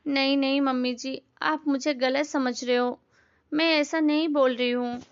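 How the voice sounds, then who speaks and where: A woman's voice: sits high, steady tone, unhurried. Woman playing a meek pleading daughter-in-law. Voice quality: pleading, tearful. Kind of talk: Hindi family drama acting. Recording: dull lo-fi audio.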